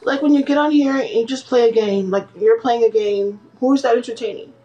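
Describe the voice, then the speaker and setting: A young woman hosting a prank video chat, asking strangers odd questions in a rambling, deadpan way. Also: fairly high pitch, brisk, lo-fi sound. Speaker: livestream host.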